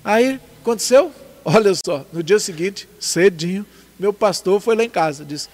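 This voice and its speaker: A man's voice: sits high, animated, normal speed, darkish tone. A man with a Brazilian Portuguese accent, casually telling his story as a guest, laughing often and acting out what people said. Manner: laughs often, acts out dialogue.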